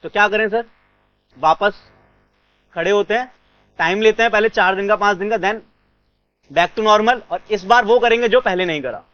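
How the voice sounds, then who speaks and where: Male coach, high-pitched, smooth resonant tone, reassuring, answers his own questions, dry and slightly muffled. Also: normal speed, long pauses, a bit bright, no room sound. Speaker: CA exam coach. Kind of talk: motivational advice to students.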